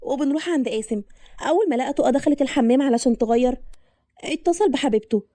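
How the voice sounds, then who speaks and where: A woman storyteller, narrating a scripted story in a brisk, rushing delivery. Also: high-pitched, mellow, dry recording.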